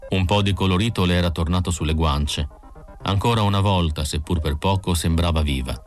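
A man narrating an audiobook in a measured, even manner. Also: low voice, soft background music. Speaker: audiobook reader.

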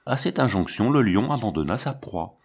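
Give me a low-voiced man narrating a story with steady drama. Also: normal speed, breathy edge. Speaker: audiobook narrator. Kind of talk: scripted narration.

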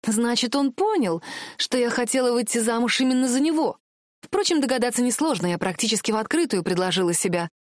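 Brief: woman reader as a proud heiress, prickly and sarcastic, set a bit higher, dry sound. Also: expressive, fairly quick, no room sound, close to an everyday voice. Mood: indignant. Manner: sarcastic, indignant. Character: proud, fiery young royal heiress. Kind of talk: audiobook character voice.

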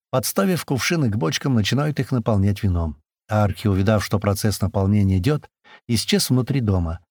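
A man reading a first-person audiobook aloud, brisk storytelling with voiced dialogue. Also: lowish voice, a little mellow, no room sound, studio quality. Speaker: audiobook narrator.

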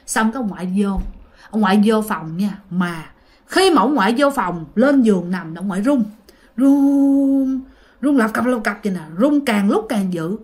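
A woman telling a ghost story in a casual, animated way, often addressing her listeners directly. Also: mid-range voice, normal speed.

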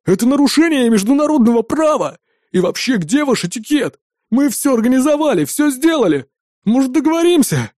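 A man voicing a frightened male engineer who pleads and babbles in a raised, rushed voice. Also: warm tone, no echo, clean studio sound. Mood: protesting. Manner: high, rushed and begging.

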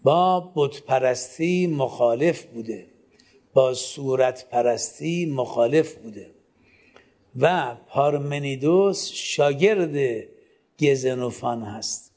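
In a middle-pitched, gently mellow voice, a man teaches a class, repeatedly asking questions he then answers on his own while issuing direct instructions to students.

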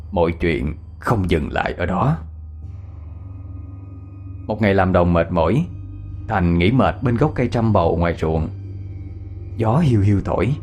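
A man narrating a ghost story in an expressive way. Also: deep voice, a little slow, pauses often, soft background music.

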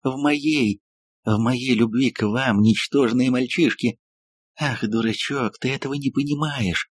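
A man's voice: mid-range voice, a little slow, husky, no echo. A man doing a gushing, exalted woman novelist. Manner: breathless, theatrical, gushing. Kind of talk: audiobook reading.

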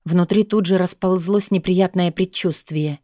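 A woman's voice: lowish voice, steady tone, measured pace, warm tone, no echo. Woman reading an audiobook, dry. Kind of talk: audiobook narration.

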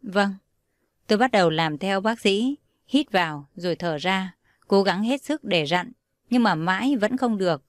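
A young woman narrating a first-person story in a calm, steady reading voice. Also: medium pitch, moderate pace, no echo, clean studio sound.

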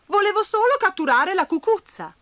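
A woman voicing a gentle, naive little stick boy who speaks kindly and earnestly. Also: very high-pitched, expressive, moderate pace, heavy background noise, voice pushed up. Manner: kind and earnest.

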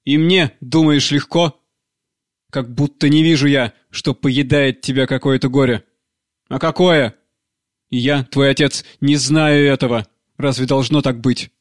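A stern aging village priest, proud and wounded, pressing his daughter for answers, as a male narrator puts him on. The delivery rises above the reader's usual voice, more forceful and insistent. It is an audiobook reading recorded in a dry, close space. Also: mid-range voice, steady tone, unhurried, dry recording, close to an everyday voice. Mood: pleading. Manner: pleading then harsh and commanding.

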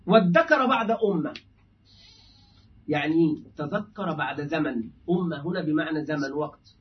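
Male sheikh lecturer, high voice, explanatory classroom manner, muffled far-off lecture recording. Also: animated, moderate pace. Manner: explanatory, acts out dialogues with a student. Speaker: sheikh teaching a book. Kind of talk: classroom lecture on Arabic linguistics.

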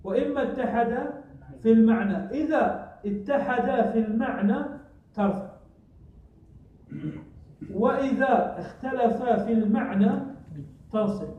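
A man teaching a classroom grammar lesson, often quizzing his students with short questions and repeating example sentences slowly. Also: extremely high pitch. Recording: echoey, distant, phone-like recording.

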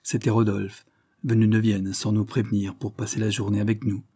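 Male audiobook narrator, measured, reflective, husky, dry close sound. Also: on the low side, little pitch movement, mellow, no echo. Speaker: audiobook reader. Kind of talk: literary narration.

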